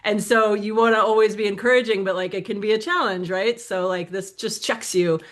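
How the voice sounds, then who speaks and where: A woman's voice: mid-range voice, steady tone, a little fast. A woman speaking as a guest in a casual interview, chatty and full of little fillers.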